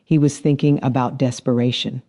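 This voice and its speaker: A man narrating a science fiction story in a measured, dramatic storytelling manner. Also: medium pitch, little pitch movement, darkish tone. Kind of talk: scripted narration.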